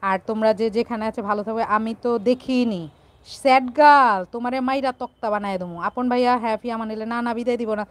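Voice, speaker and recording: A woman's voice: on the high side, steady tone, fast, no room sound. A playful, teasing woman from Bangladesh hosting a casual live stream and reading out viewer comments.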